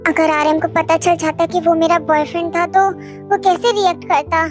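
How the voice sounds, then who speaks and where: A woman's voice: very high-pitched, steady tone, moderate pace, faint music behind. A woman voicing an anxious young married woman who apologizes, in a fan drama dub. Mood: guilty. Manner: guilty, apologetic.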